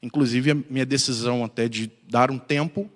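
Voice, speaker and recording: A man's voice: mid-range voice, fairly even intonation, fairly quick. A man preaching a sermon as pastor, earnest, building to rising, emphatic passages. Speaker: pastor and missionary. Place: church sanctuary. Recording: echoey church hall.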